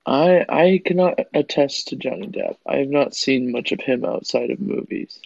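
A man's voice: medium pitch, moderate pace, creaky, a little mellow, no echo, muffled recording. A man in casual chat as a podcast co-host, laid-back and jokey.

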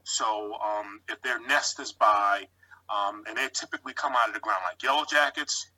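A man's voice: on the low side, moderate pace, bright, forceful tone, poor audio. A man who keeps bees, explaining insects casually in short steps and checking in with "okay". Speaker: beekeeper, podcast guest.

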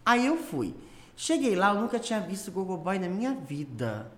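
Animated, lively woman storyteller. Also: mid-range voice, normal speed. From Brazil, Mato Grosso do Sul. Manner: animated, laughing, acts out others' voices. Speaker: guest. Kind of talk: casual storytelling.

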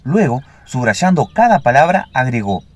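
A man narrating a fable as a storyteller in an expressive, measured way. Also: medium pitch.

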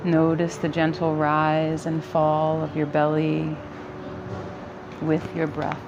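A woman guiding a yoga nidra relaxation in a calm, soothing, gentle manner with long pauses between phrases. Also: low-pitched, muffled recording, music in the background. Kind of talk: guided relaxation meditation.

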